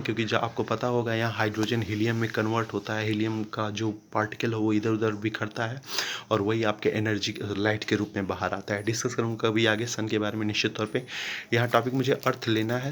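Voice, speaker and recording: A man's voice: lowish voice, flat delivery, brisk, a little hiss or hum. A man teaching a school geography class, explaining terms step by step and often checking if students follow. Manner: explains step by step, keeps asking "clear?". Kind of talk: classroom lecture.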